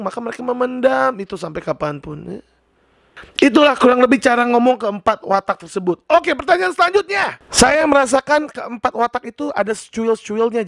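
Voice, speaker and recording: A man explaining personality types in a chatty, animated, casual vlog. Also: very high voice, gravelly, no room sound, clean studio sound. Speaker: personality teacher.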